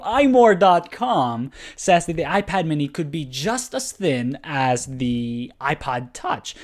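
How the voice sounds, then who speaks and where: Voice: mid-range voice, a little mellow. A tech podcast host giving casual solo news commentary, rambling and self-correcting with lots of fillers, laid-back and chuckling at their own tangents.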